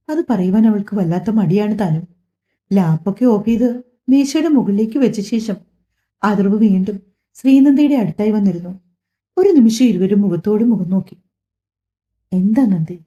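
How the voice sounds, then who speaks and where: A woman narrating a family story audiobook in an even storytelling manner, with a dull lo-fi sound. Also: medium pitch. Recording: dull lo-fi recording.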